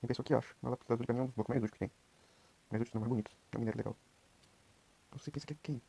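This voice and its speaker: A young Brazilian man giving quiet, rambling commentary while he plays a game. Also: medium pitch, flat delivery, racing, creaky, husky. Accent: Brazilian Portuguese. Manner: talks quietly at night, rambling. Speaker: gameplay streamer. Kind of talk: casual gameplay commentary.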